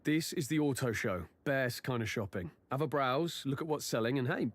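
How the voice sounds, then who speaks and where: A man's voice: medium pitch, normal speed, natural voice. An actor playing an upbeat male announcer in a racing game, with breezy salesman patter.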